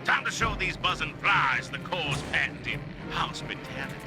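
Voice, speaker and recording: A man's voice: fairly high pitch, expressive, moderate pace, music in the background, close to an everyday voice. Man acting a gung-ho, cocky marine soldier. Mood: cocky, rallying. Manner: gung-ho, cocky battle bravado. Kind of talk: video game character dialogue.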